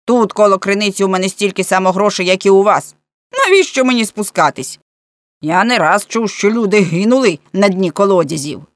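A woman voicing a stubborn, heavyset man in a storybook, who refuses with evasive excuses. His voice is a little raised and insistent, with lively swings of pitch. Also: a little fast, no room sound, lightly acted.

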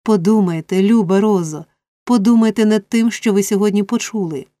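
A woman's voice: mid-range voice, moderate pace, warm tone, dry recording, clean studio sound, natural voice. A woman voicing an earnest young man in love, pleading insistently in an audiobook reading.

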